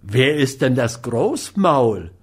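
A man's voice: medium pitch, very animated, slow pace, breathy edge, heavily acted. A man reading an audiobook, voicing a cautious, sly gambler. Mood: wary. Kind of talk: audiobook character voice.

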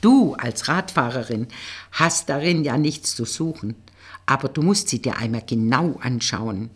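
A woman doing a self-assured male police colleague who teases and flirts. His voice sits low and slightly husky, with a lively, swinging delivery. It is an audiobook character voice. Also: unhurried, full character voice. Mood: teasing.

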